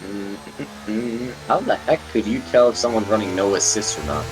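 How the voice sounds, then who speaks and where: A man giving live sim racing commentary, excitable and joking, rising to shouts at incidents. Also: lowish voice, brisk, rough recording. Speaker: race commentator.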